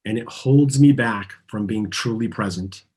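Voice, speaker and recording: His husky, somewhat low voice is a little mellow and moves at a measured pace. He was born in Argentina, grew up in the US, and earnestly walks a group through guided tapping, prompting them to repeat after him.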